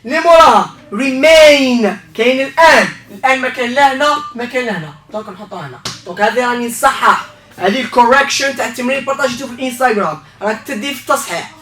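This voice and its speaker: Fast, bright Algerian teacher. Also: male voice, extremely high pitch, expressive, far from the mic. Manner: explains step by step, asks "okay?" often. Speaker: English teacher. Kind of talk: exam revision lesson. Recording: roomy sound from away from the mic.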